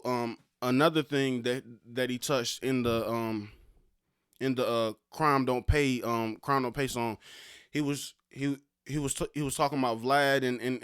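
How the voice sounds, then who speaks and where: A man's voice: mid-range voice, clear, resonant tone, dry recording. Stammering casual man, dry close sound. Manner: stammering, loose slangy rap-fan talk. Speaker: podcast host. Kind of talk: casual solo podcast monologue.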